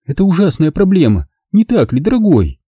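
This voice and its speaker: A male audiobook reader voicing a seductive, scheming woman who purrs and coaxes in a breathy tone. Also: sits high, very animated, a little fast, mellow, no room sound, dull audio, pitched above the performer's own voice, exaggerated voice. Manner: breathy, purring, coaxing. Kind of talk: audiobook character voice.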